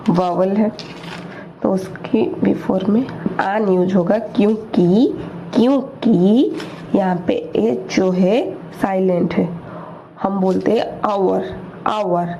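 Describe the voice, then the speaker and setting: Slow, patient woman teaching grammar. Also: mid-range voice, warm tone. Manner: repeats words slowly, asks and answers own questions. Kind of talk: slow explanatory lesson in Hindi. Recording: dull lo-fi recording with faint noise.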